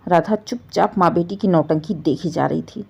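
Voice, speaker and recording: A woman narrating a dramatic family story in an expressive storytelling manner. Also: fairly low pitch, normal speed, creaky, breathy edge, muffled recording.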